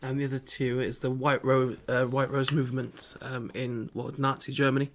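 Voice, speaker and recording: A man's voice: medium pitch, level tone, normal speed. A young man, an opera singer, answering radio interview questions hesitantly, with many ums and uhs. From Wales.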